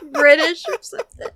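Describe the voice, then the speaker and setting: A woman from Canada, a guest co-host on a podcast, chatting in an easygoing, giggly way. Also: very high-pitched. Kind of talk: casual podcast chat.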